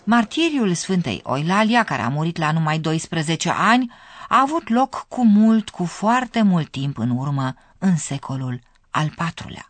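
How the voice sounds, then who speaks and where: A narrator explains a radio language course in a measured way, with a lively, varied intonation. The voice sits at a middle pitch in a dry studio recording. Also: dry recording.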